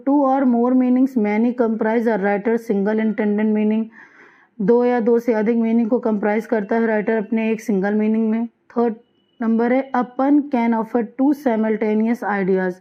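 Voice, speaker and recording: Woman teacher, exam-prep lecture, slightly high voice, very slow reading, repeats answers, dull lo-fi sound. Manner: reads questions slowly, then explains quickly in Hindi-English mix; repeats key answers, checks with "ठीक है".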